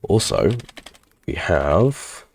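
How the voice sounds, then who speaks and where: A man's voice: low-pitched, big pitch swings, drawn-out words, vocal fry, a little mellow. A man, stuffed up from a cold, hosting a rambling, self-deprecating update for his tech tutorial channel at his computer. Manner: rambling, self-deprecating, restarts mid-sentence. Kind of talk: casual channel update with screen walkthrough.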